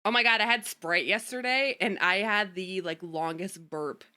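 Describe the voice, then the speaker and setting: A woman streamer chatting casually at home, full of fillers and quick giggles. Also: mid-range voice, sharp tone. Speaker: streamer host. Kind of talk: casual chat.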